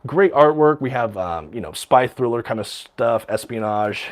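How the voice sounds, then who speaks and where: A man hosts a casual livestream to show off his comic collection, sounding enthusiastic and chatty, if slightly stuffy and short of breath. He reads out viewer questions with lots of ums and uhs. His mid-range voice is expressive and moves at a normal speed.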